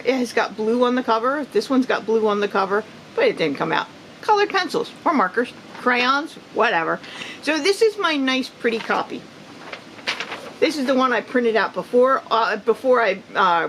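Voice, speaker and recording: A woman's voice: fairly high pitch, lively intonation, normal speed, fairly bright tone, a little hiss or hum. A woman in her fifties chatting casually about her reading in a rambling way, with many ums and restarts. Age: 50s. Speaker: book vlogger. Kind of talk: casual reading wrap-up chat.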